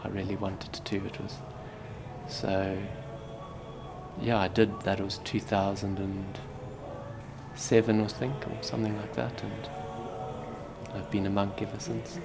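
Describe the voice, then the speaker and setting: A man in his thirties from Zimbabwe, a Buddhist monk answering interview questions in a soft, hesitant way that often trails off quietly. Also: on the low side, flat delivery, measured pace, vocal fry, pauses often, music in the background. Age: 30s.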